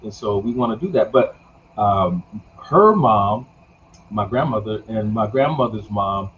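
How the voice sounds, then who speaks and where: A man's voice: on the low side, lively intonation, measured pace. A man in his sixties talking casually as a guest, folksy and storytelling, who laughs at his own jokes. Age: 60s. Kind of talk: casual conversation. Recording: muffled recording with faint background hum.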